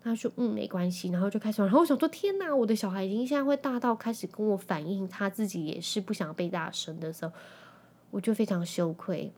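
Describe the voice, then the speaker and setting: A woman in her thirties with a Taiwanese Mandarin accent, hosting a podcast in a chatty, animated way and dropping in English phrases. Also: mid-range voice, quick pace. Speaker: podcast host. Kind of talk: casual chat.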